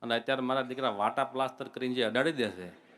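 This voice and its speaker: Here a comic speaker at a religious gathering talks fast in a steady, mid-range, slightly bright male voice. His humorous folk storytelling is full of folksy jokes, and he calls the audience devotees.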